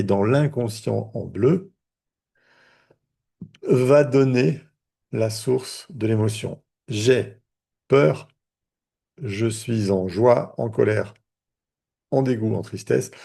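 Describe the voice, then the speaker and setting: A man's voice: lowish voice, gravelly, mellow, breathy edge. A man, a therapist, teaching a live online lesson in a conversational way, with many fillers and restarts. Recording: video call audio.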